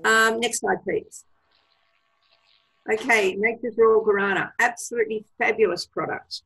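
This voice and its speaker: Woman, gravelly, husky, enthusiastic product advice, video call. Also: on the high side, steady tone, a little slow, fairly bright tone, low-quality recording. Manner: enthusiastic, gives advice with many fillers. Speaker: product trainer. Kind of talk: casual presentation on a video call.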